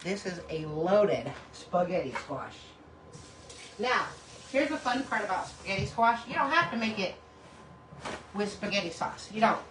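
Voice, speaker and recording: A woman hosts a casual live cooking stream from her home kitchen on a phone, chatting with viewers she calls y'all while a bit hot and out of breath. Her medium-pitched voice is animated, a bit bright and a little slow, with slight background noise.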